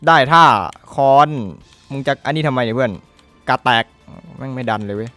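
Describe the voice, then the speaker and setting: A young man giving profane, excitable commentary over his own gameplay, swearing constantly and shouting at the game. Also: mid-range voice, a little fast, soft background music. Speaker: gaming YouTuber.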